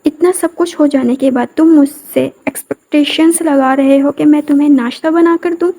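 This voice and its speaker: A sharp-tongued young bride snaps back at her forceful husband, read by a woman narrator. The voice is high and mellow, the delivery indignant and retorting. It is an audio novel reading. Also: fairly even intonation.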